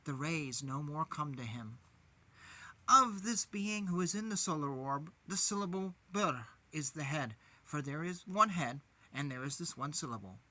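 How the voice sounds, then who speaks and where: Male scripture reader, fairly high, bright, steady and measured. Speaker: podcast host reading scripture. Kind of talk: scripture reading.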